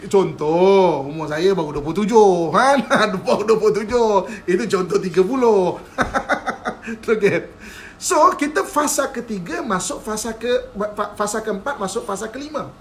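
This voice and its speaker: Giving a live-streamed religious lecture, a Malaysian Malay-accented teacher speaks in a high-pitched voice at a measured pace with hardly any pauses, over a little hiss or hum. He keeps it playful, chuckling often and checking that listeners follow.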